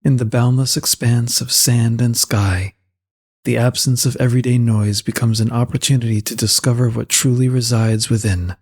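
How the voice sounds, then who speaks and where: The meditation is led slowly by a man whose voice is soft, husky and mid-range, and his manner stays soothing, calm and unhurried throughout.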